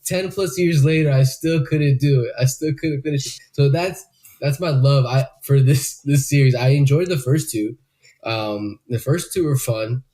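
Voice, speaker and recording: Young male podcast co-host, loose and rambling, casual chat full of "um" and "like", mid-pitched. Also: normal speed, warm tone. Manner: loose, rambling, swears a lot, many fillers.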